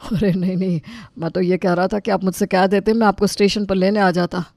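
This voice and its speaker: A woman's voice: mid-range voice, little pitch movement, fairly quick, gravelly, a little mellow, dry recording, studio quality, natural voice. A woman voicing a flustered middle-aged man hosting a wedding in a cartoon, harried and placating. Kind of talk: cartoon voice acting.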